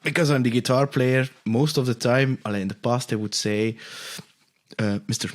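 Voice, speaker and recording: European man hosting a podcast, halting speech. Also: mid-range voice. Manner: halting, restarts and hesitant phrasing. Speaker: podcast host. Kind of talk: casual interview chat.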